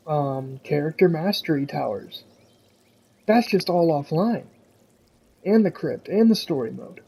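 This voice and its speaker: Young man, casual solo talk, frank and rambling, pitched a bit high, husky. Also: mellow, rough recording. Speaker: gaming commentator.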